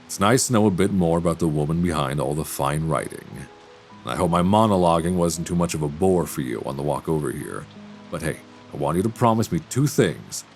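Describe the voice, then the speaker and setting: A man voices a handsome, youngish professor in an intimate audio roleplay, speaking one side of a conversation in a deep, expressive voice picked up close on a binaural microphone. Kindly and bookish, he muses, teases gently, flirts a little, and reassures with soft chuckles, yet sounds concerned and insistent. Faint music plays behind him.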